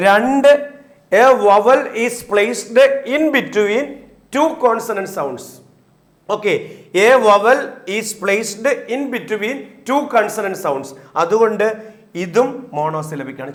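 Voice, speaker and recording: A man's voice: high voice, echoey room. A man teaching an exam-prep lecture, repeating points and asking and answering his own questions.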